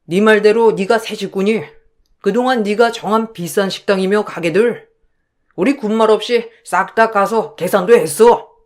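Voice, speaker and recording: A man's voice: high voice, moderate pace, lightly acted. An actor playing a stern elderly father-in-law in a radio drama, roaring and scolding. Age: older.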